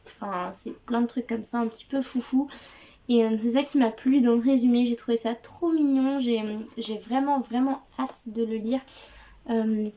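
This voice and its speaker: A woman's voice: on the high side, steady tone, moderate pace, dark tone. A woman hosting a casual book haul, cheerful and gushing, with frequent hesitations and restarts. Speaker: book video host.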